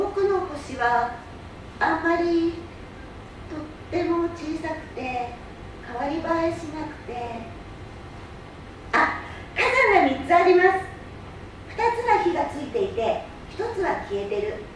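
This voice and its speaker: A very high, childlike voice of an earnest, curious boy prince acted by a woman in a staged reading. The delivery is expressive and storylike. It reaches the mic from afar in a very echoey hall with faint noise. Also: far from the mic. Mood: shy, hesitant. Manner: deliberate, expressive storytelling with wondering questions. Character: little prince, earnest, curious young boy from a tiny planet. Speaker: stage reader.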